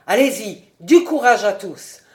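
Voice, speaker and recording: A woman voicing a big, gruff country bonesetter who gives brusque orders to his patients. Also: fairly low pitch, big pitch swings, slow pace, a little mellow. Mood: rousing. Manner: brusque and commanding. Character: gruff burly rustic male bonesetter.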